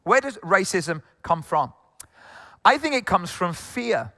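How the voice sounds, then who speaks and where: A man's voice: sits high, sing-song, slow, sharp tone. A middle-aged man preaching a sermon as pastor, chatty and jokey, with many fillers. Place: church hall. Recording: long hall reverb.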